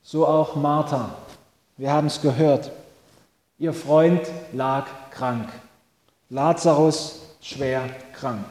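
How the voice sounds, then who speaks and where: Slow, reflective male preacher in echoey church. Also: fairly high pitch, steady tone, a little mellow. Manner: slow, reflective, with long pauses. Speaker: pastor. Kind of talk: sermon.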